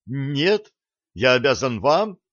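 A man's voice: mid-range voice, very animated, slow pace, fairly bright tone, no room sound, lo-fi sound, exaggerated voice. A man reading an audiobook, voicing a shy, grumbling teenage cabin boy. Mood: earnest. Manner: grumbling, earnest.

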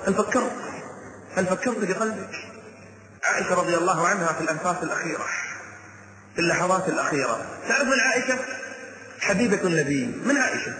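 A high-pitched male preacher delivers a dramatic sermon, swinging between hushed lines and raised cries and chanting verses slowly. His voice rings around a reverberant hall. A clear hiss of noise sits under the recording. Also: lively intonation.

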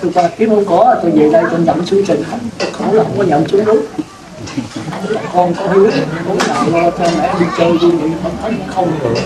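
Monk preaching from a distance in a roomy hall. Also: male voice, sits high, brisk, a loud crowd. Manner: plain-spoken, rhetorical questions to the audience. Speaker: Buddhist monk. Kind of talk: sermon. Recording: roomy, distant mic with clear noise.

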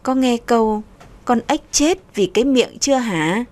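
A woman's voice: a little high, lively intonation, unhurried, darkish tone. A woman voicing a frank young woman who gives her friend blunt, lecturing advice.

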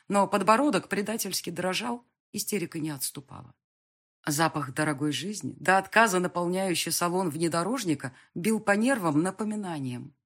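A woman reads a first-person audiobook with expressive emotion. Her voice is low and husky. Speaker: audiobook narrator.

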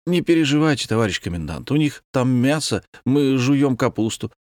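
A man's voice: medium pitch, animated, normal speed, a little mellow, no echo, clean studio sound, pitched above the performer's own voice, close to an everyday voice. A man voicing a jovial navigator. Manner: jovial, reassuring. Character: good-humored male navigator, admiring and joking.

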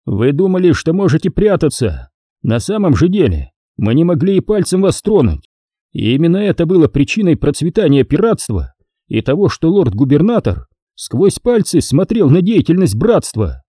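A man voicing a grave, calm navy admiral explaining a secret, in a dark, husky voice, for an audiobook. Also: a little high, moderate pace, no room sound, clean studio sound, voice pushed up.

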